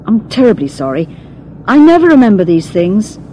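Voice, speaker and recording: A man's voice: sits high, very animated, moderate pace, a little mellow, slight background noise. A woman voicing a formal, apologetic man of about forty in a storybook reading. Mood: polite. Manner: formal, apologetic, oddly polite. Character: polite, old-fashioned man about forty.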